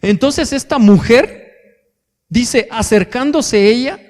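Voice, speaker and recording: A man with a Mexican accent preaching a sermon in a church, asking his congregation rhetorical questions and pausing on fillers as he goes. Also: extremely high pitch, a little mellow, long reverb tail. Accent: Mexican Spanish. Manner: addresses congregation as brothers, asks rhetorical questions; hesitant fillers and restarts. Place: church hall.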